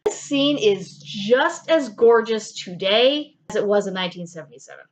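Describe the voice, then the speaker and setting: A woman co-hosting a casual film review, animated with playful asides, in a dull lo-fi recording. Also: medium pitch, normal speed.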